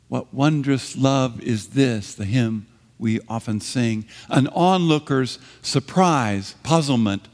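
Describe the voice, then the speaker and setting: Male preacher, unhurried and reflective, delivering a sermon with long pauses in a reverberant church. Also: medium pitch.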